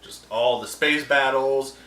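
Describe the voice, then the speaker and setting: A man hosting a film review show delivers casual, sarcastic rants in a bright, forceful voice. He sits back from the mic, so his voice rings in a roomy echo. Faint ambient sound hums behind him. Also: medium pitch, slow pace, far from the mic, slight background noise. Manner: sarcastic, animated ranting.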